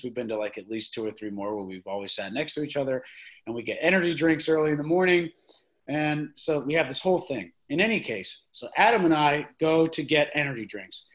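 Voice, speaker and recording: A man's voice: fairly high pitch, fairly bright tone, poor audio. Rambling, profane man telling a story. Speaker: guest, fitness mentor. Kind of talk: casual chat.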